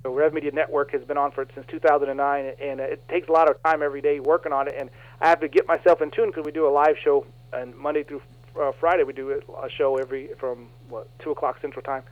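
Brief: folksy, animated preacher guest, fairly high voice, dull lo-fi sound. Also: male voice, quick pace, no room sound. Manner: animated, folksy, laughs often. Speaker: minister and guest. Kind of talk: casual storytelling interview.

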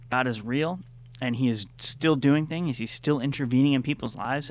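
Earnest host of a faith radio show. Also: male voice, mid-range voice. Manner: earnest, encouraging. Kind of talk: radio interview.

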